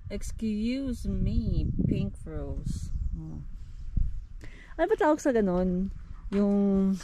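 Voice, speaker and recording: A woman's voice: mid-range voice, sing-song, drawn-out words, noisy background. A woman with a Filipino accent chatting playfully as a travel vlogger at an outdoor flower farm. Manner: chatty, playful, giggly asides. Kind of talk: casual travel vlog chat.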